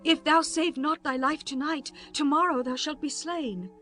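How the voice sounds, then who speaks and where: Woman acting protective ancient wife, high-pitched, solemn, scripture audio drama, music playing behind. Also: fairly even intonation, normal speed, a bit bright. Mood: urgent warning. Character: urgent young wife in ancient Israel, protecting husband.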